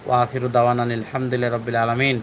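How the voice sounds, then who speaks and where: A man who teaches Quran reading, reciting Arabic prayer slowly and explaining pronunciation rules in a teacherly way. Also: medium pitch, monotone, slight background noise. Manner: explaining pronunciation rules, asking viewers if they follow. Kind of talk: religious lesson.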